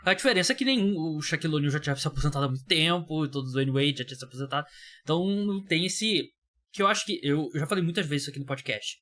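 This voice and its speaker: A man's voice: on the high side, lively intonation, very fast, a bit bright. A Brazilian man hosting a sports podcast, chatting casually with lots of fillers and the odd swear word. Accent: Brazilian Portuguese. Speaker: podcast host.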